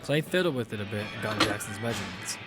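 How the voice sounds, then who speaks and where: A man with a fairly low voice talks fast with lively intonation, loud music playing behind him, in a lightly acted style. As narrator and lead of first-person audio fiction, he plays a casual, confident young gamer who tells his story and teases his friends in narration and dialogue.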